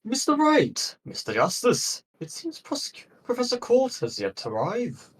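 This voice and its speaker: Flamboyant game professor, played by a man: high, very animated voice, grandiloquent and full of pomp. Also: moderate pace, distant mic, full character voice. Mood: pompous, disapproving. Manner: grandiloquent, exclaiming, flowery. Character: flamboyant, pompous male law professor, grandly theatrical.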